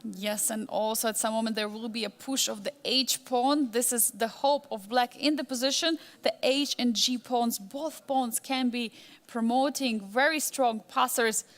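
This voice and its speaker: A woman's voice: fairly high pitch, moderate pace. A woman doing live chess commentary, posing suspenseful questions and repeating phrases for emphasis.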